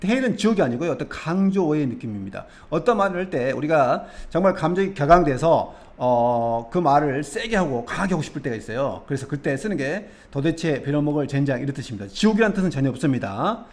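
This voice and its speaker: A man's voice: fairly high pitch, very animated, a little fast, hardly any pauses. A man teaching English expressions, explaining nuances patiently and step by step, often asking the viewer questions.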